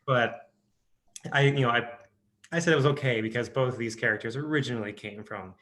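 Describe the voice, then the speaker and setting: Speaking a little fast in a medium-pitched, fairly bright voice, a Midwestern American man who narrates audiobooks talks casually in an interview, hesitating often with restarts and fillers.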